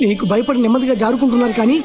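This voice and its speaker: An actor playing a whiny, complaining comic sidekick in a film. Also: male voice, very high voice, fairly even intonation, very fast. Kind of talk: film dialogue. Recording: film soundtrack with music.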